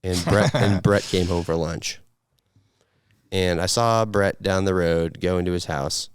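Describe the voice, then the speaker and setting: Deadpan guy teasing his cohosts, low voice, dry sound. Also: normal speed, smooth, no echo. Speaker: podcast co-host. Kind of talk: casual chat.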